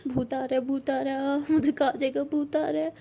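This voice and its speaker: A woman's voice: high voice, level tone, normal speed, vocal fry, background noise. A woman voicing a timid, easily frightened young woman who stammers and shrieks in panic. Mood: terrified.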